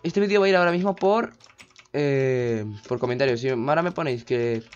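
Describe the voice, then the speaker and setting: A man's voice: mid-range voice, brisk, clean tone, highs cut off. A man giving casual, rambling gameplay commentary, often breaking into panicky outbursts. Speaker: gaming YouTuber.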